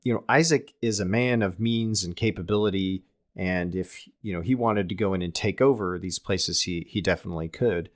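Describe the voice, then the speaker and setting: A man's voice: low-pitched, moderate pace. A man co-hosting a casual scripture discussion podcast, talking thoughtfully and often restarting and repeating words as he works through a point. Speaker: podcast co-host.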